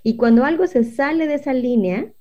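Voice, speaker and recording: A woman's voice: high voice, a little fast, dark tone, lo-fi sound. A woman, earnestly explaining parenting as a guest and often checking in with her listeners. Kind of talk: conversational explaining on a podcast.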